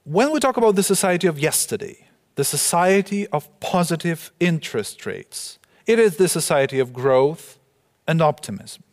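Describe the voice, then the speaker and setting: A man giving an academic lecture in a measured, halting way, pausing often. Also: fairly high pitch, animated, long reverb tail. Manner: halting, measured, with frequent pauses.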